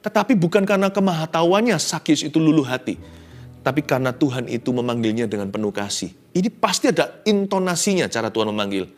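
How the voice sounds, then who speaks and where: A man preaching a sermon in an animated way, slipping English phrases into his talk. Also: fairly high pitch, fast, faint music behind. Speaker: pastor.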